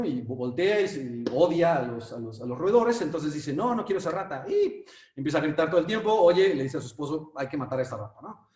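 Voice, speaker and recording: A man with a Mexican accent gives a lively conference talk and tells a fable along the way. He repeats words and fills pauses often. His fairly high voice echoes in a roomy space and is picked up from a distance. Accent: Mexican Spanish. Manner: animated, repeats words, many fillers. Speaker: conference speaker. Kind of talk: lecture with storytelling. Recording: echoey room, mic at a distance.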